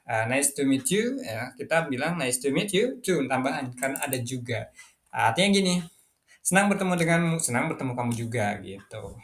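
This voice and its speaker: A man teaching a casual online English lesson, reading example phrases slowly and explaining with many fillers. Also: medium pitch, lively intonation.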